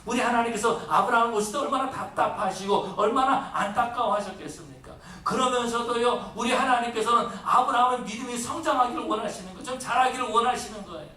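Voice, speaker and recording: A pastor preaching with a high, bright, emphatic voice and putting questions to his congregation. He is heard from a distant mic in an echoey church hall, with a faint rumble underneath. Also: fast, few pauses. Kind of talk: sermon.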